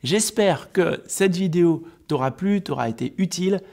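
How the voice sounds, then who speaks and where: A man with a slightly high voice presents to the viewer as a coach. He explains methodically and informally, breaking each point into simple steps. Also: expressive, normal speed, vocal fry, a little mellow. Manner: didactic, step-by-step explaining, addressing the viewer informally. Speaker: health and sports coach presenting a video. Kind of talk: informal explanatory talk to camera.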